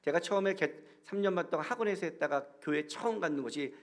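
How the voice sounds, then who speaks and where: A middle-aged male pastor gives a guest sermon, telling animated stories and acting out bits of dialogue. His voice is a little high, and he talks fast.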